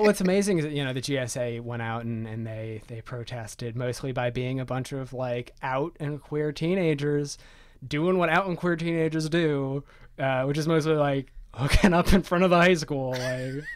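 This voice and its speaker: A man's voice: a little high, moderate pace, clear, resonant tone, no echo. A man in his twenties from Maryland, a podcast guest, telling personal stories in a chatty way full of "like" fillers and self-deprecating jokes. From Maryland, USA. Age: 20s. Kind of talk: casual conversational storytelling.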